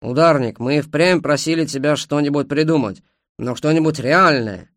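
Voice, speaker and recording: Male narrator doing a touchy grumbler of an engineer, slightly high, dry. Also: normal speed, a bit bright, no room sound, natural voice. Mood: grumbling. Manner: indignant, grumbling. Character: grumpy hot-tempered male engineer turned trader.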